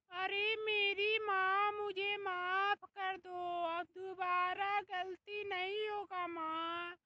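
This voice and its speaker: A woman's voice: extremely high pitch, sharp tone, slight background noise, heavily acted. A woman voicing a lazy, sulky young daughter-in-law who whines and pleads.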